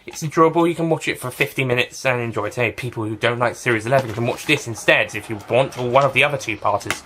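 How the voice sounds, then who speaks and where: A man's voice: mid-range voice, quick pace, fairly bright tone, a little hiss or hum. A man giving a casual spoken review of a TV series, rambling and often restarting and correcting himself.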